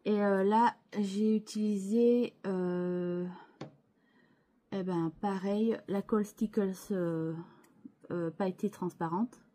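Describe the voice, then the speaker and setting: A woman talks through her handmade craft pages in a slow, unhurried way. Her voice is mellow and soft-edged. She hesitates often and restarts her sentences, turning to viewers with chatty asides. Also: mid-range voice, steady tone. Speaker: scrapbooking channel host. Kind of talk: casual show-and-tell of craft pages.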